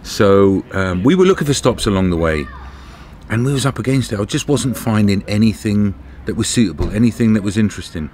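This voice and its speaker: A middle-aged British travel vlogger chats casually to a camera held at arm's length while outdoors at a campsite. His voice sits fairly low and sounds expressive, brisk and a little mellow. The outdoor camera audio carries background noise.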